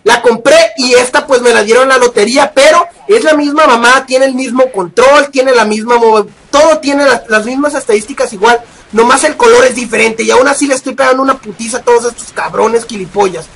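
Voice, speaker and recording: A young man with a Mexican accent, giving loud, profane commentary over his gameplay and shouting at the game. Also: extremely high pitch, brisk, gravelly, few pauses, breathy edge. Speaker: gaming video creator.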